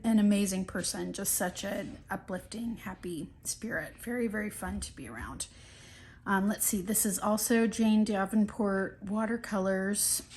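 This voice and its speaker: A middle-aged woman with a mid-range voice chats casually while flipping through an art journal. Her allergies leave her sniffling and a bit scratchy in the throat. She sounds relaxed and rambling, with lots of ums and restarts.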